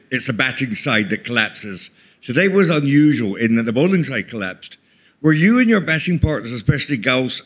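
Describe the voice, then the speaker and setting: A man's voice: medium pitch, a bit bright. A male reporter with an ordinary mid-range voice. He builds a long, formally worded question at a press conference.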